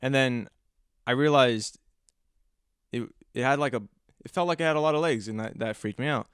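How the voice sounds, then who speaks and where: Young male podcast host, smooth and clear, close dry sound, rambling anecdotes full of restarts. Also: medium pitch, normal speed, dry recording. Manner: animated, acting out his own reactions. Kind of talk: casual storytelling monologue.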